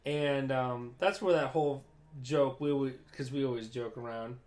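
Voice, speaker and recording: A man's voice: medium pitch, fairly even intonation, normal speed, darkish tone. A man telling stories in casual, sweary chat as a podcast co-host. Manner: frequent swearing.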